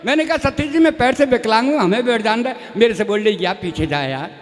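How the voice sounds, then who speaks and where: Man, high-pitched, folksy comic storyteller, live stage, long reverb. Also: fast talker. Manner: folksy, plays many characters in dialogue. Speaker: stage comedy poet.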